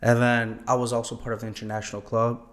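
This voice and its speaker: A man's voice: medium pitch, flat delivery, fast talker. A young man from Thailand answering interview questions politely, often saying yes sir and um. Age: young adult. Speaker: guest, former college student.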